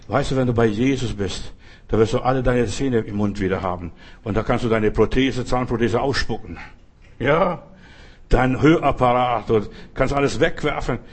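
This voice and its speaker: A man's voice: mid-range voice, a little mellow, breathy edge. A man preaching a fervent sermon as a pastor, speaking straight to the listener.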